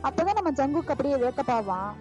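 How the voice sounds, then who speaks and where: A woman's voice: high voice, sing-song, fast. A woman narrating a fan fiction story in a chatty, casual way, talking familiarly to her listeners. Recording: lo-fi voice with music behind.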